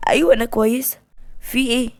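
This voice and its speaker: A woman's voice: medium pitch, quick pace, natural voice. A woman voicing a troubled young heroine in an Egyptian Arabic accent, with an emotional delivery. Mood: puzzled.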